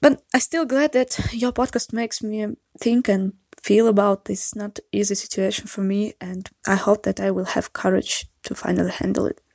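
In another recorded voicemail, the Russian-accented caller from Russia speaks English in a creaky, darkish mid-range voice. Her tone stays steady and earnest at a moderate pace, with hardly any pauses, on a dry recording.

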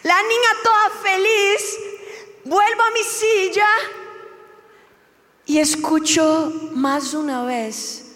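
A woman's voice: very high voice, takes it slowly, pauses often, a bit bright. A young woman telling an emotional personal testimony as a church speaker, acting out the dialogue of her story. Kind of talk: testimony sermon. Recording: long hall reverb.

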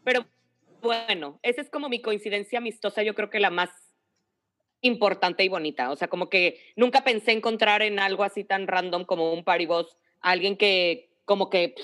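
A woman's voice: mid-range voice, moderate pace. A young woman with a northern Mexican accent, telling a story in casual chat and acting out the voices of the people in it. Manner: animated, acts out quoted voices, heavy slang.

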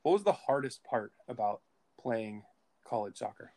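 A man hosts a casual interview at an ordinary middle pitch. He asks open questions and keeps his guest going with brief nods of "yeah" and "nice.". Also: sing-song, normal speed, warm tone. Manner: short encouraging replies and questions. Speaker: podcast host, interviewer.

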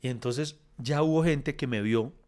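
A middle-aged man with a Colombian accent, co-hosting a podcast and telling a long story in a casual, animated way. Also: mid-range voice, normal speed. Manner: animated storyteller, acts out quoted voices. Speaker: podcast co-host.

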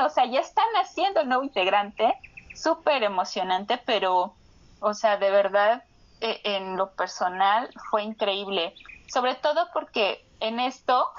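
A young woman earnestly recounting a home birth, acting out remembered speech in lively bursts. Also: a little high, dull audio. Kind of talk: casual personal account.

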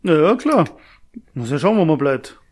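A man's voice: fairly high pitch, sing-song, a little mellow, breathy edge. A man co-hosting a podcast who chats casually, chiming in with short reactions and questions. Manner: short interjections and questions, quick talker. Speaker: podcast co-host. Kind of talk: casual chat.

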